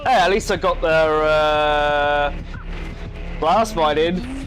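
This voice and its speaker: High-voiced slow-talking male gamer. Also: music in the background. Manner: amused, loud whoa exclamations, laughs often. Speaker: co-op player. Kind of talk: casual gameplay chat.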